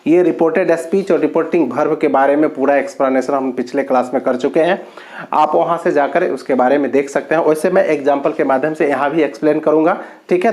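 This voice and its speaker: A man teaching an English grammar lesson, explaining slowly with drawn-out words and repeated points. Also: a little high, darkish tone.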